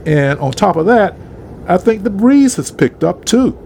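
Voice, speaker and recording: A man voicing an older man who speaks slowly and plainly in a read-aloud story. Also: high-pitched, sing-song, gravelly, warm tone, a little hiss or hum, exaggerated voice. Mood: uneasy.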